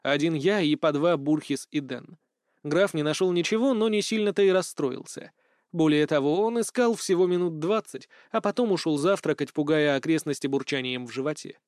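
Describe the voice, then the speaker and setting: Male narrator, fantasy audiobook, higher voice, dry studio sound. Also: normal speed, no echo. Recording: dry close studio mic.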